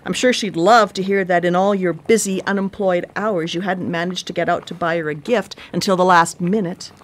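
In a contemporary radio drama, an actress plays a brisk, sardonic older sister who is a proud home cook, teasing in a dry way. Her female voice is lowish and steady, close to how she'd normally talk.

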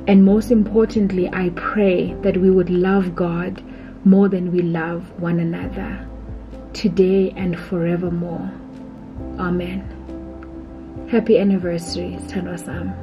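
South African woman vlogger, lower voice, heartfelt prayerful voice-over, muffled lo-fi recording over music. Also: level tone. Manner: slow, tender and prayerful. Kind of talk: heartfelt anniversary letter read as voice-over. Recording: dull voice-over under loud music.

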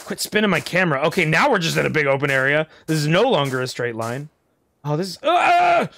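A man live streaming casual game commentary in an excitable, joking, sweary way. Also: fairly high pitch, quick pace, creaky. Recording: music and game sound underneath.

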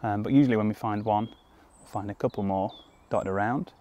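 Crouching in a woodland clearing, a young man from the United Kingdom gives an outdoor foraging walkthrough, pausing on ums and restarting sentences casually. He speaks fairly quickly, his voice low-ish and dark in tone. The shot comes from a tripod camera several metres away.

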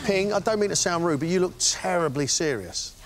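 A man's voice: high-pitched, lively intonation, fairly quick, noisy background. A British man judging a TV cooking competition, chatting with contestants with dry, teasing humor. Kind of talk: TV cooking show banter. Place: TV studio kitchen. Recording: music under the voice.

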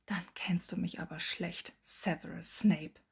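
A woman's voice: medium pitch, steady tone, normal speed, breathy edge. A woman reading the part of a furious, proud young witch in an audiobook, angry, tearful and defiant.

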